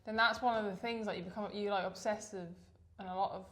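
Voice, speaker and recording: A woman, talking casually on a podcast. Her voice sits mid-pitch, and she's chatty and self-deprecating, laughing often at herself. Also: fairly even intonation, fast talker, a bit bright. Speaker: podcast co-host. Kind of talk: casual chat.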